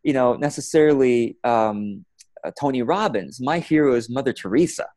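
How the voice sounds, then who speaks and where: An easygoing man in his thirties hosts a relaxed video call. He has a light, self-deprecating humor and asks friendly questions. He talks through an earbud mic from a room at home. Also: medium pitch, moderate pace. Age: 30s. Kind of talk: casual video call chat. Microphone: earbud headset on a video call.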